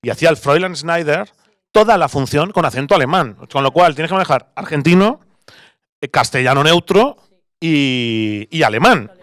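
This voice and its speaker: A man, a musical theatre actor, telling a backstage anecdote in a halting way. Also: on the high side, animated, fairly bright tone, dry recording. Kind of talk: panel anecdote.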